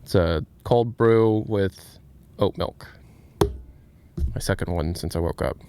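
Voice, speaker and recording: Streamer, male, late twenties: lowish, smooth, candid, halting. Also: dark tone, dry recording. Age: 20s. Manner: candid, reflective, halting with many restarts. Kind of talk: casual livestream chat, answering chat.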